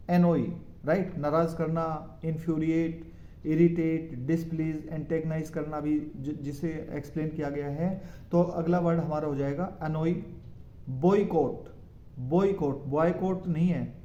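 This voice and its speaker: A man with an Indian English accent gives a pronunciation lesson. He repeats each word several times and checks in with "right?". His voice is dark and mellow, and it sits a little high for a man. The recording is roomy and a bit dull. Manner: drills words by repeating them, often asks "right?". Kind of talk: spoken language lesson.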